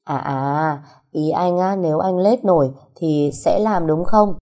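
A woman voicing a sharp-tongued young wife who teases and scolds her husband out of jealousy. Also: fairly low pitch, measured pace. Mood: teasing. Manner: teasing, scolding.

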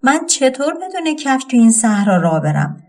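A woman's voice: high voice, sing-song, voice pushed up. A woman voicing an impatient, thirsty young boy in a folk tale. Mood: hurried.

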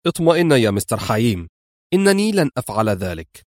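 A man's voice: medium pitch, very animated, brisk, darkish tone, no room sound, studio quality, close to an everyday voice. A man reading an audiobook and voicing a cool, sarcastic adult male hero.

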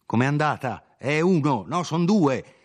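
Shrill panicky townsfolk crowd in a storybook reading, high and excited, voiced by a man, rapid exclamations. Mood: alarmed, excited. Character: frantic townsfolk crowd, gasping, gossiping.

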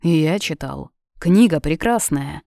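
Woman reading a calm, serious young man. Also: deep voice, slow pace, creaky, dry recording, studio quality, full character voice.

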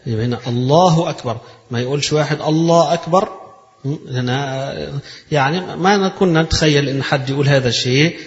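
A man with an Egyptian Arabic accent gives a religious lecture, reading out a passage, then explaining it in colloquial speech and repeating phrases to show their pronunciation. His mid-range voice moves at a quick pace, and the echoey hall makes the sound dull and lo-fi.

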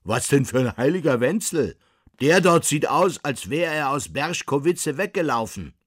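A short, gruff coachman, blunt and scornful, barks his words loud and high with a lively lilt, as a man puts him on. The voice has a husky edge. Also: measured pace, dry recording, studio quality. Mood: mocking. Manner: blunt, mocking.

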